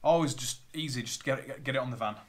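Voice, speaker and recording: A man with a medium-pitched voice talks quickly as he unboxes boiler parts in his living room, a plumber from Northern England rattling them off in a chatty, matter-of-fact way. He sits at a table facing a tripod camera, with plastic bags crinkling in the background.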